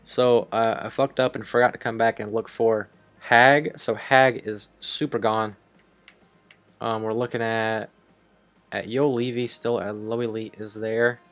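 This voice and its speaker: A man with a fairly low voice hosts a video game series over background music. He talks casually and off the cuff, rambling as he thinks his choices through aloud and swearing offhand. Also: fairly even intonation, a little slow, fairly bright tone. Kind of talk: casual improvised gameplay commentary.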